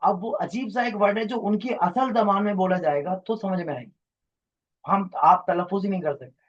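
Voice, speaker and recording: A man's voice: high-pitched, moderate pace. Man teaching in a muffled classroom recording. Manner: rambling, explanatory, quizzes students. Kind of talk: classroom lecture.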